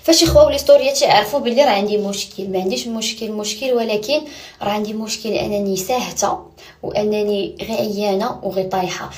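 A woman's voice: medium pitch, quick pace, darkish tone. A young woman with a Moroccan accent, chatting casually and confidingly to her followers on a phone at home, with a gossipy edge. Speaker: lifestyle vlogger.

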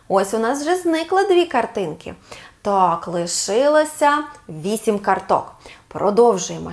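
A woman leads a child through a speech lesson in a high, bright voice that swoops up and down. She talks slowly and stretches out each target word for the child to repeat, then adds gentle praise. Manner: slow, drawn-out words for the child to repeat; gently coaxing, sing-song praise. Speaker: speech therapist.

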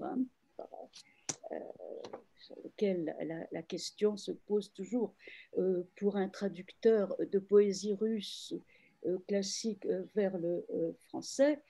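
A literary translator, a woman with a dark-toned, medium-pitched voice, joins an online panel by video call to explain her work. She comes across as reflective and hesitant, often breaking off and starting again.

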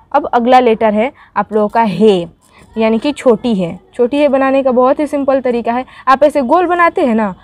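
A woman's voice: a little high, darkish tone, dry recording. A woman teaching a beginners' writing lesson, patiently walking students through each letter stroke by stroke and repeating her checks. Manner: patient, repeats "ठीक है" and "आप लोगों का". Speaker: Urdu teacher. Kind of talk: step-by-step handwriting lesson.

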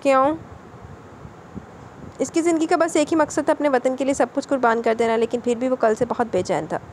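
A woman narrating a romance novel audiobook in a brisk, dramatic reading. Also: high-pitched, fairly even intonation, a little mellow, slight background noise.

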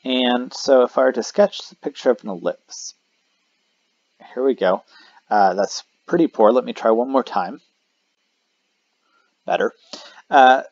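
Male math teacher, casual whiteboard explainer, gravelly voice, dry lo-fi mic. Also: medium pitch, a little mellow, dry recording. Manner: casual, self-correcting explanation with fillers. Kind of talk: recorded math lesson at a whiteboard. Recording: dry, slightly dull lo-fi mic.

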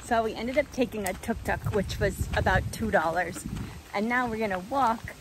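A woman's voice: mid-range voice, moderate pace, background noise. A middle-aged woman narrating a travel vlog in a chatty, upbeat way, explaining as she goes. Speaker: travel vlogger.

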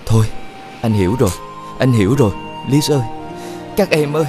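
An actor voicing a caring eldest prince brother in a cartoon, who speaks gently and reassuringly. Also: male voice, medium pitch, animated, brisk, music in the background, close to an everyday voice.

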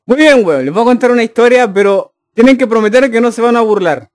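High-voiced joking streamer man. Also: lively intonation, fast. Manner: joking, teasing, addressing chat directly. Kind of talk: casual live-stream chat.

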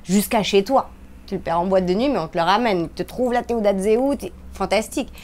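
A woman from France talking in a casual interview, animated and emphatic, her voice swinging high and low as she makes her points. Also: fast.

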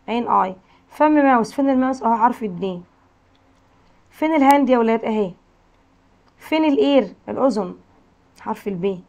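A woman with an Egyptian accent teaching English to young children, slowly modelling words and letter sounds. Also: on the high side. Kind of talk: classroom lesson explanation.

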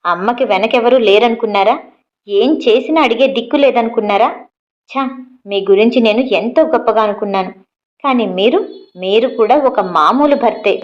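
A young adult son, as a woman reads him in a spoken storybook, confronting his father in a sharp, reproachful tone. The voice sits a little high, and the lo-fi recording sounds dull. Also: normal speed, lightly acted.

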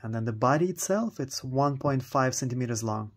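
A fishing channel host with an animated, mid-range male voice talks a little fast while narrating a lure-making tutorial. He addresses viewers in an upbeat way outdoors on a canal towpath.

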